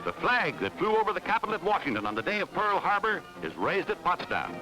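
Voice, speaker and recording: A man's voice: sits high, sing-song, quick pace, over loud music, low-quality recording. A man narrating a 1940s newsreel in an emphatic, dramatic announcing manner.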